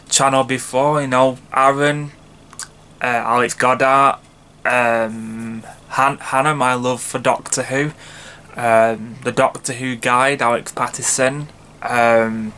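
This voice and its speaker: A man's voice: mid-range voice, pushed and bright, slight background noise. A man of twenty-one talks in a casual fan vlog, rambling and earnest, with lots of "you know" and restarts. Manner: earnest, heartfelt fan enthusiasm. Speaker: vlogger, channel host.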